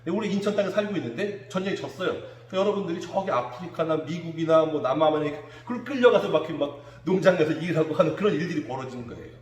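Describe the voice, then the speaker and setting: A man preaching a children's sermon as pastor, animated and acting out what children might say. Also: fairly high pitch, racing, hardly any pauses. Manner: animated, acts out children's quotes. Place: church room. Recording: echoey church hall.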